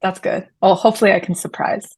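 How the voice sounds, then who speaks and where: A woman's voice: medium pitch, fairly even intonation, fast, darkish tone, breathy edge, dry recording. A woman in her early forties from Dallas, Texas, chatting casually as an interview guest, joking and self-deprecating, talking out of the side of her mouth. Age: early 40s. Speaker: guest, touring production coordinator.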